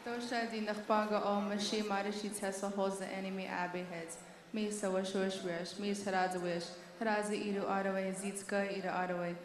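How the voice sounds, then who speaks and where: A woman from North Dakota giving a formal self-introduction as visiting powwow royalty. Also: medium pitch. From North Dakota, United States. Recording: echoey sound system, faint background noise.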